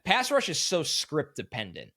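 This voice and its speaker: A man's voice: a little high, huge pitch swings, normal speed, pushed and bright, no room sound, studio quality. A man co-hosting a sports podcast, breaking down plays in long, analytical run-on explanations. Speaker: podcast co-host. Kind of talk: casual sports analysis chat.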